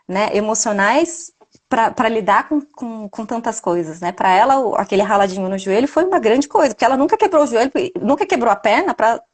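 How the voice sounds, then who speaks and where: Woman, fairly high voice, reflective, tag questions, live video chat. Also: animated, a little fast. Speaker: mother. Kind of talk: casual live-stream chat.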